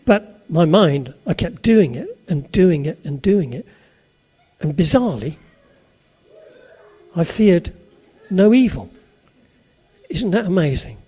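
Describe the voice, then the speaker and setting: A man's voice: high-pitched, sing-song, slow, pauses often, warm tone, slightly rough. An older man with a Suffolk accent gives an anecdotal sermon to a live audience. He talks in a chatty way, tosses questions to the listeners and drops in jokey asides. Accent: Suffolk English. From Suffolk, England.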